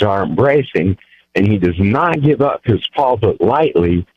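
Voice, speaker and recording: A man calling into a radio show, firm and deliberate as he states his views. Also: lowish voice, no room sound. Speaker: caller. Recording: dull phone line.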